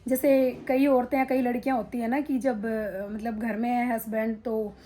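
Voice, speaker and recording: A woman's voice: a little high, fairly even intonation, moderate pace, dark tone, slight background noise, poor audio. A middle-aged woman vlogging casually into a handheld phone at home, frank and rambling with many fillers. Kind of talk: casual talk to camera. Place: drawing room at home. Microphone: phone held in hand.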